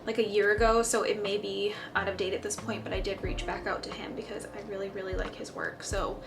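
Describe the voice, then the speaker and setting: A woman's voice: mid-range voice, little pitch movement, fairly quick, noisy background. A woman in her thirties talking candidly about home cleaning in a casual vlog voice-over, a little weary.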